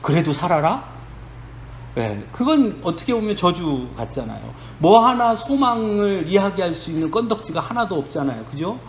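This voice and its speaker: High, lively-voiced pastor in an echoey church. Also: male voice, normal speed, hardly any pauses. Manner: conversational, storytelling, rhetorical questions. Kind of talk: sermon. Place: church sanctuary. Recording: echoey church hall, faint noise.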